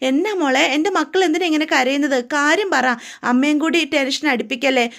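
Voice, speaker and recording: A woman's voice: high-pitched, fairly quick, fairly bright tone. A woman voicing a worried, doting middle-aged mother who keeps pleading with her crying daughter to tell her what is wrong. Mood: worried, coaxing. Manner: anxious, pleading, repeating questions. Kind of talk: storytelling with voiced characters.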